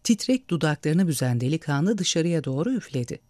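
A man reading a novel aloud in a measured, expressive narration. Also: fairly high pitch, no room sound, clean studio sound. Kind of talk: storybook narration.

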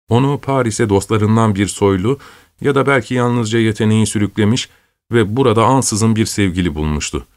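A man narrating a classic novel in a measured, literary, unhurried manner. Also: fairly low pitch, darkish tone. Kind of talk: scripted audiobook narration.

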